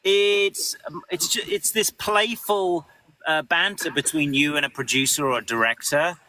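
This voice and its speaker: A man, a voice actor, answering questions in a live interview, animated and full of restarts. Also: fairly high pitch, normal speed, slight background noise. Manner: animated, lots of restarts, acts out quotes.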